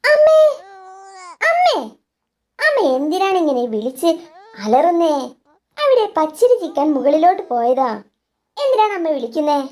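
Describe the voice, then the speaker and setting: A woman's voice: extremely high pitch, sing-song, normal speed, long pauses, a little mellow. A woman doing a fretful young mother. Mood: puzzled. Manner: fretful, soothing. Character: worried young mother, caring and soothing. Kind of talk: doll story voice acting.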